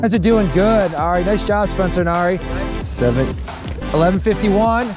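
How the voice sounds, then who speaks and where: A man's voice: high voice, moderate pace, over music. A man coaching at an outdoor track, calling out split times to runners. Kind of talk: shouted split calls at a track. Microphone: head-worn action camera.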